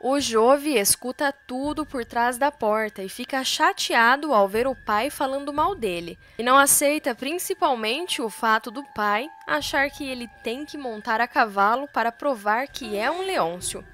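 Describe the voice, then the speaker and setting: A woman narrating a soap-opera recap in a brisk, lively storytelling manner. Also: high voice, a little hiss or hum. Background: faint music.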